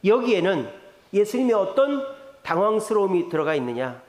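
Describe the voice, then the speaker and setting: A male pastor preaching a sermon in an animated way, putting rhetorical questions to the congregation. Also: high voice, moderate pace. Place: church sanctuary. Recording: echoey church hall reverb.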